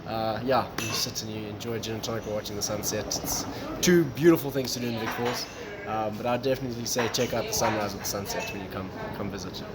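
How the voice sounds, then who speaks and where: A man from Malawi, a guest talking casually about his tourism business, relaxed and saying "um" and "look" a lot. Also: on the low side, quick pace, hardly any pauses, over a noisy crowd. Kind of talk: casual interview talk. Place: coffee shop. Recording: noisy coffee shop background.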